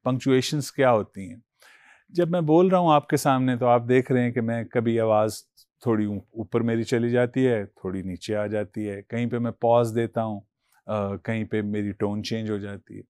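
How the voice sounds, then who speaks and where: A man's voice: medium pitch, fairly even intonation, moderate pace, a little mellow, clear, resonant tone, no echo. Man teaching in a dry lecture voice. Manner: explains patiently, with a rising and falling teaching tone. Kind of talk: classroom lecture.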